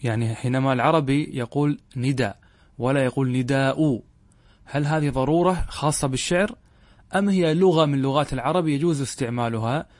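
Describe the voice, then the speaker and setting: Man, middle-aged, mid-pitched, patient classroom explainer who repeats points; dry sound. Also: a little mellow, dry recording. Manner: measured, repeats key points, asks rhetorical questions. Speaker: Arabic grammar teacher. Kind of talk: classroom lesson explaining a text.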